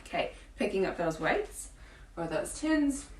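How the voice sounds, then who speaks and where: A woman fitness coach leading a home workout, encouraging and cueing breaths, with a morning croaky voice. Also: mid-range voice, big pitch swings, measured pace. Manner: encouraging, counting through exercises. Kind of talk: guided home workout instruction. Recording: roomy, from a distance with faint ambience.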